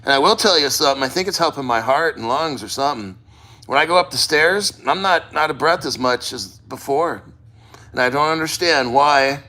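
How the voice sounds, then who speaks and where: A man's voice: medium pitch, bright, forceful tone. A man talking casually in a first-person vlog, rambling and plain-spoken with frequent swearing. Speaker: vlogger. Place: sitting in a cold plunge.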